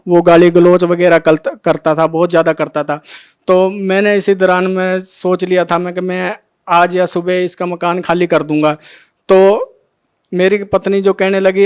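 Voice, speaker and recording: With a high voice that is clear and resonant, a middle-aged man tells his story as a devotee, full of feeling. He reenacts the dialogue of each scene line by line.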